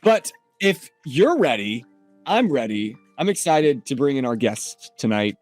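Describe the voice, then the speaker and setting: Podcast host guy, super animated voice, dry sound, faint music underneath. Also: medium pitch, unhurried, no echo. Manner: chatty, upbeat, hypes the guest. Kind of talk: casual chat.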